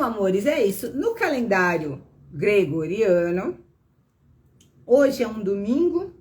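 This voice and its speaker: A Brazilian Portuguese-accented woman, a tarot reader and teacher, explains things patiently on a live stream, greeting viewers by name and often tagging her lines with a questioning "né?". Her voice is on the high side and a little mellow.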